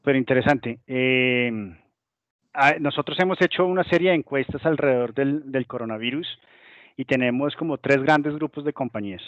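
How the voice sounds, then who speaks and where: This guest presenter is a Colombian man whose Colombian Spanish accent comes through as he explains business ideas in a webinar, occasionally voicing imagined companies. His mid-range voice moves at a normal pace on a dry, muffled recording.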